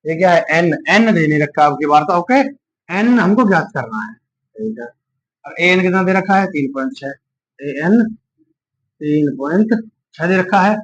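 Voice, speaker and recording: A man's voice: sits high, expressive, normal speed. A man teaching a maths lesson step by step, patient and reassuring, talking through each calculation aloud. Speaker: maths tutor. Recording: dull lo-fi sound.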